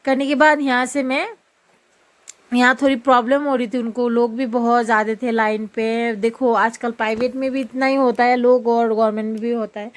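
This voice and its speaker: Woman vlogger doing a rambly voice-over, kinda high pitched, lots of ums and restarts. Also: level tone, moderate pace. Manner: chatty, rambling with fillers and restarts. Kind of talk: casual voice-over vlog narration. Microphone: voice-over recorded after filming.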